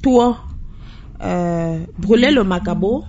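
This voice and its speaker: A woman hosting a radio language lesson, slowly repeating words after a guest to learn their pronunciation. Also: fairly low pitch, expressive, a little mellow, muffled recording. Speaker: radio host.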